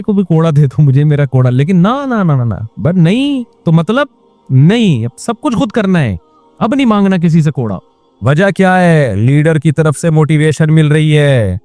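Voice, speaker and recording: A man's voice: on the high side, a little mellow, no echo. A man giving a chatty, scolding sermon with rhetorical questions and acted-out quotes. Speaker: Islamic scholar giving a talk. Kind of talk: conversational sermon.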